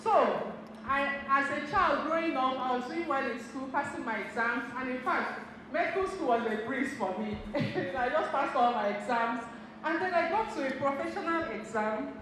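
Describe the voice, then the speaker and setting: A middle-aged Igbo woman's high-pitched voice moves at a moderate pace as she tells stories in a motivational talk. She addresses the seminar audience directly and laughs frequently. The community center hall makes for a very echoey, noisy recording.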